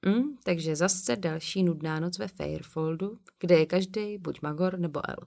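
A woman voicing a sullen, bored teenage boy in a dry, low-key way. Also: gravelly, darkish tone.

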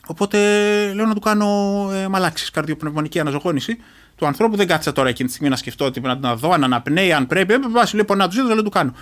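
High-voiced Greek man recounting an ordeal. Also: lively intonation, fairly bright tone. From Greece. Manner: earnest, emotional retelling with halting restarts. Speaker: interview guest, reserve commando. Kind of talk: personal recollection in an interview.

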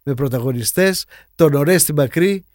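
A man narrating a documentary in a calm, measured, scripted way. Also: fairly high pitch.

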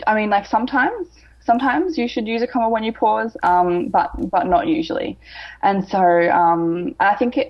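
A woman explaining grammar myths in casual chat, her voice muffled as if heard through a wall, hesitant with lots of ums and restarts. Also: on the low side. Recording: dull, muffled mic sound.

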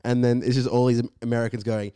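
A man's voice: medium pitch, fast, clear, resonant tone, no room sound, clean studio sound. A man co-hosting a podcast in casual, jokey chat, laughing often. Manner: laughs a lot, animated, jokey. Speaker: podcast co-host.

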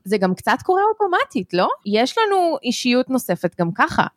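A woman's voice: fairly high pitch, very animated, no echo, clean studio sound. A woman co-hosting a podcast, affirming and summing up the points being made. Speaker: podcast co-host. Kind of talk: podcast interview conversation.

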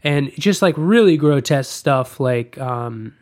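A man's voice: medium pitch, animated, unhurried. Rambling young man talking films. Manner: rambling, lots of fillers and restarts. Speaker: podcast co-host. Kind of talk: casual film discussion.

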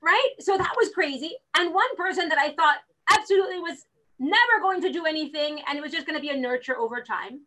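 On a poorly recorded clip, a woman with a high voice speaks fast and full of energy. She's a real estate recruiter appearing as a guest in a casual interview chat, animatedly acting out the conversations she describes.

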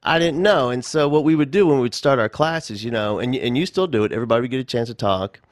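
A man's voice: medium pitch, fast, no echo. An older man hosting a show, telling stories in a rambling, laughing way with many restarts. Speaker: podcast host. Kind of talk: casual storytelling chat.

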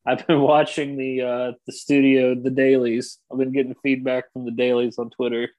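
A man's voice: mid-range voice, level tone, moderate pace, darkish tone, low-quality recording. A man hosting a comedy podcast over a video call, bantering in a dry, mock-serious way. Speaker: podcast host. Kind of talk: casual comedic podcast chat.

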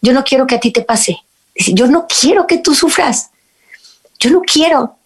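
A woman's voice: high voice, expressive, moderate pace, husky, voice pushed up. A woman voicing a middle-aged alcoholic father who scolds his son and pleads with him. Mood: pleading.

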